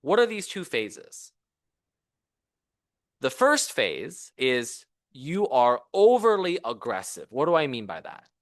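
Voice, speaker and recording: A university professor gives an engineering seminar talk in a university seminar room, animated and conversational, with a mid-range voice and swooping intonation. He takes it slowly, explaining through rhetorical questions and acted-out quotes. The recording is dry, with clean studio sound.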